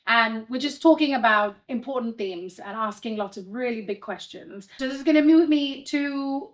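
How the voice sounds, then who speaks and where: A woman with a slightly raised pitch leads an interview, asking open questions. She affirms her guest often and talks in an engaged, conversational way. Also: normal speed. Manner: warm, affirming with frequent "yeah".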